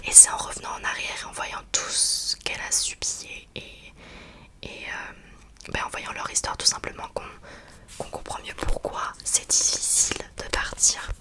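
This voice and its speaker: Woman whispering softly, ASMR book chat. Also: moderate pace. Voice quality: soft unvoiced library-like whisper. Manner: hesitant, informal, searching for words. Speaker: book review host.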